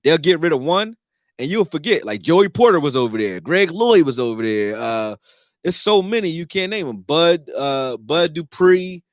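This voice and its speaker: Philly dude on a football livestream, cussing, gets hyped then mumbles, dry close mic. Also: male voice, moderate pace, no room sound. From Philadelphia, raised; born in Texas. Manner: loose and profane, swings between excited and low mumbling. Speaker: sports talk host. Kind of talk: casual live-stream sports talk.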